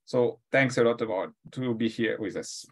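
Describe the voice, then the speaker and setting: A man moderating a webinar, introducing a guest in unscripted, hesitant phrases with pauses. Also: mid-range voice.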